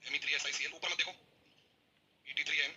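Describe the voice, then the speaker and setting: Fast, bright-voiced male chemistry teacher. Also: fairly high pitch, husky. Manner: energetic, keeps prodding students to answer. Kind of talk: classroom lecture.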